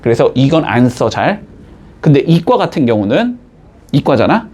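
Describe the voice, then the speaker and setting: A man's voice: mid-range voice, sing-song, moderate pace, a little mellow, breathy edge. A man teaching a math lesson in a classroom style, explaining step by step and constantly checking in with his students through short questions.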